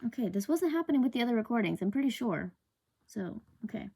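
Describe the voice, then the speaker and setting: A woman's voice: fairly high pitch, lively intonation, quick pace, dark tone, breathy edge. A young woman hosting a casual solo podcast into a sensitive desk microphone, rambling and self-conscious, full of fillers. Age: young adult. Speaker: podcast host.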